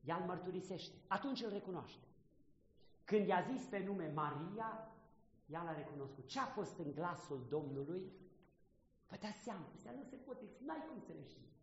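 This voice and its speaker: A man preaching a sermon, reading scripture and reflecting on it aloud, often pausing to pose questions to his listeners. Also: high-pitched, lively intonation, roomy sound, in a large hall, lo-fi sound, a little hiss or hum.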